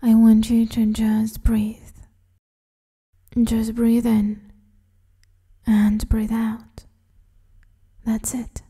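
Guiding a meditation, a woman speaks slowly and soothingly in a very dark, velvety, slightly high voice that often drifts into a whisper. Her tone is soft, breathy, and half-whispered, and her intonation stays even as she gently gives instructions.

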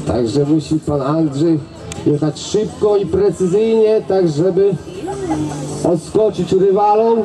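A man calling an outdoor driving event over a public address microphone, his voice sitting fairly high and his delivery unhurried. He chats to the crowd directly between runs. Loud music plays behind him. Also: poor audio. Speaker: event announcer. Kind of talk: live sports commentary over a public address. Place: outdoor carriage-driving competition field.

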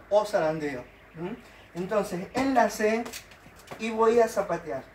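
A man's voice: sits high, far from the mic, a little hiss or hum. A man with an Argentine accent teaching folk dance, explaining each step and checking that students follow. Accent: Argentine Spanish. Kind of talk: online dance lesson. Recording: roomy, from off the mic. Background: folk guitar music.

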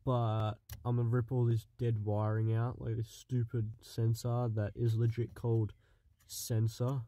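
Out of breath and crammed into a car footwell, this man narrates his car project in a relaxed work-along style, grumbling and cursing as he goes. His medium-pitched voice is completely flat and dark in tone, and his pace is unhurried. The audio has no echo.

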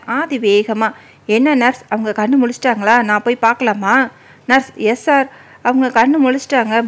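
A woman narrating a serialized story in a casual reading style, mixing in English words and voicing every character's lines in her own voice. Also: on the high side.

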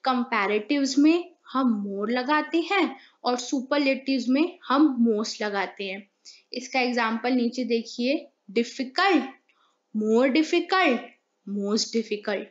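A woman's voice: on the high side, takes it slowly, lo-fi sound. A woman teaching a grammar lesson, explaining step by step and asking and answering her own questions.

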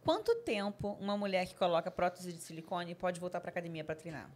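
A woman's voice: lowish voice, animated, fast, a little mellow. A woman hosting a podcast, asking questions in a casual, teasing conversational way. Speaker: podcast host.

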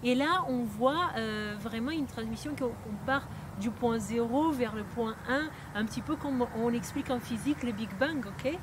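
Woman, high voice, non-native accent, patient lesson explainer who hesitates and restarts often. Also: moderate pace, few pauses, background noise. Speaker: Ayurveda teacher.

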